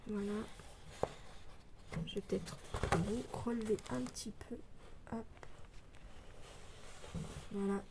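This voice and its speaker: A woman vlogger chatting casually about scrapbooking papers, hesitant with many fillers, pausing to read labels aloud slowly. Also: medium pitch, steady tone, creaky, noisy background. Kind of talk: casual show-and-tell haul. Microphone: phone.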